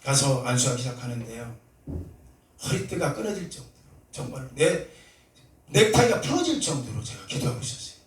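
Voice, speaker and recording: A male pastor preaching a sermon, telling a story and acting out prayers and dialogue, sometimes rising to loud, fervent cries. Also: mid-range voice, very animated, fairly quick, long pauses. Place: church sanctuary. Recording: echoey church hall, mic at a distance.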